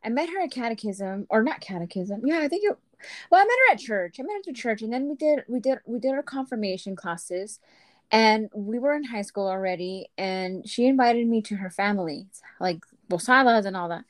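A woman's voice: on the high side, expressive, fairly quick, dry recording. A woman in her thirties co-hosting a podcast, chatting animatedly and slipping Spanish phrases into her talk. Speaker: podcast co-host. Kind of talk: casual chat.

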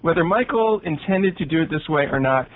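A man's voice: on the high side, lively intonation, brisk. A man co-hosting a podcast, giving his opinions on a TV show in casual conversation. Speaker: podcast co-host. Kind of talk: casual TV episode discussion. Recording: thin, phone-like audio.

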